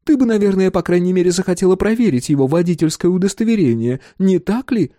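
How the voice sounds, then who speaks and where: A man's voice: fairly high pitch, animated, extremely slow, dark tone, no room sound, studio quality, voice pushed up. A man doing a sardonic, needling woman. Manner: sarcastic, pointed questions.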